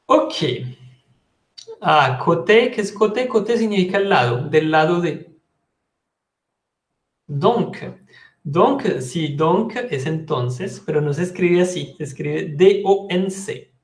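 High-voiced man teaching French patiently. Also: lively intonation, slow pace, long pauses, reverberant. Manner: explains patiently, repeats and spells words. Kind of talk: online language class.

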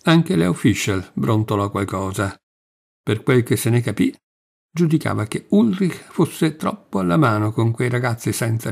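A man reading a literary novel aloud in a measured, steady manner, with a gravelly voice. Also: medium pitch. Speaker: audiobook narrator. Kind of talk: literary audiobook narration.

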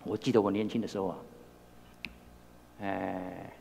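A man's voice: sits low, fairly even intonation, measured pace, vocal fry, warm tone, a little hiss or hum. An older man with a Taiwanese Mandarin accent preaching a sermon, telling a personal story with many repeated words and restarts. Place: church hall. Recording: long reverb in a church hall.

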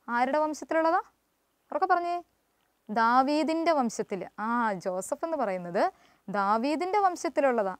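A woman's voice: sits high, no room sound. A woman from Kerala teaching children the catechism, coaxing answers with repeated questions and replying to them herself. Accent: Kerala Malayalam. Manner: coaxing, asks and answers her own questions.

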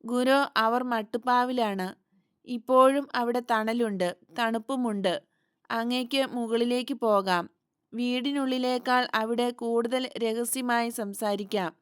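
A respectful housewife speaks politely and helpfully, voiced by a woman reader. Her voice is clear and slightly high, the pace slow. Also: no room sound, clean studio sound, lightly acted.

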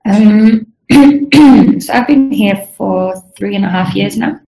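A young woman from Sweden, a UI designer answering questions on a video call, chatty and rambling, often clearing her throat. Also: mid-range voice, slow, mellow, poor audio. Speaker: guest UI designer. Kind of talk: casual online Q&A.

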